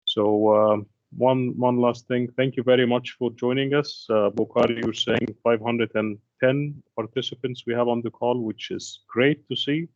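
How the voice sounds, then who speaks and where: Halting man from Egypt on a dull call line. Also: mid-range voice, fairly even intonation, no echo. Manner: halting, many restarts and fillers. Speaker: procurement head. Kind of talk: webinar opening remarks. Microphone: dialing in on a call.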